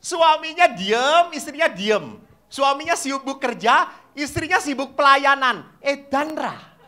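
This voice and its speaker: Lively priest preaching. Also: male voice, very high voice, a little slow. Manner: animated storyteller acting out voices and asking the audience questions. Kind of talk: lively sermon to a live congregation.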